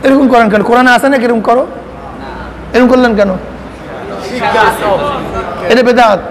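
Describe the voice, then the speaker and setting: A man's voice: very high-pitched, steady tone, a little slow, crowd noise. A man preaching a sermon, arguing his point and firing questions at the audience, mocking critics. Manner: argumentative, asks the audience questions and mocks critics. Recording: faint noise, long hall reverb.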